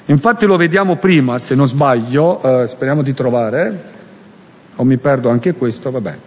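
A man preaching a sermon with earnest, rising and falling emphasis, pausing to search for a verse aloud. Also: medium pitch, animated. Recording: long hall reverb.

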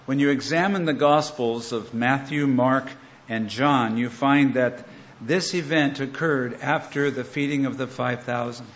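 Slow-speaking preacher man. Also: medium pitch, a bit bright, lo-fi sound. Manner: slow, measured delivery in short phrases. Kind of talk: sermon with interpreter.

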